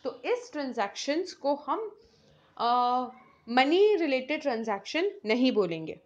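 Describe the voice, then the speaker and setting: A woman teaching an accounts lesson, explaining step by step and asking and answering her own questions, reading definitions slowly. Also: high voice, sing-song, a little mellow, highs cut off. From India. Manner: mixes in English terms and reads English definitions slowly. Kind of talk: classroom lecture.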